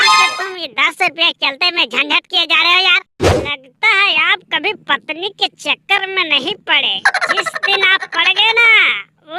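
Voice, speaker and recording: A woman's voice: very high-pitched, exaggerated voice. A woman voicing squabbling small-town men in a cartoon, scolding and bickering coarsely. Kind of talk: cartoon voice acting. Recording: loud background noise.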